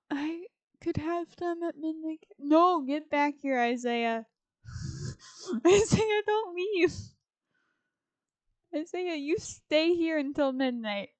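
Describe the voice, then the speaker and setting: A woman's voice: high voice, slow pace, pauses often. Chatty young woman narrating a life-sim game. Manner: chatty, rambling, talks to her sims. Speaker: gaming YouTuber. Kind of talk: casual Sims gameplay commentary.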